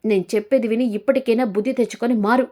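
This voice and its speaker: Old grandmother, protective, scolding, put on by a woman, fairly high voice. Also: steady tone, very fast, dark tone, close to an everyday voice.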